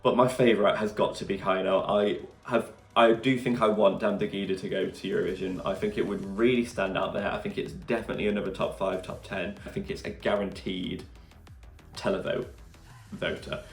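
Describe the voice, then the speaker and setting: A man in casual, enthusiastic reaction-video chat, sharing his opinions straight to camera. His voice sits a little low with a gravelly edge. The room gives it a noticeable echo. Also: flat delivery, fairly quick, soft background music. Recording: roomy echo.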